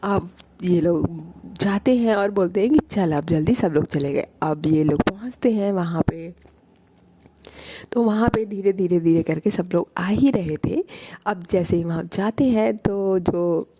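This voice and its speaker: A woman's voice: on the low side, a little slow, mellow, husky. Chatty young woman telling a story. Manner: chatty, conversational, dramatic asides. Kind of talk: casual storytelling narration.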